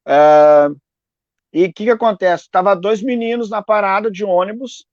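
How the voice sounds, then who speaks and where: A man's voice: sits high, moderate pace, dry recording. A man speaking earnestly as a guest on a live video interview from home, often repeating words and tagging "né?". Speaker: activist guest. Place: home in a neighbourhood. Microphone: video call. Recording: dull lo-fi stream audio.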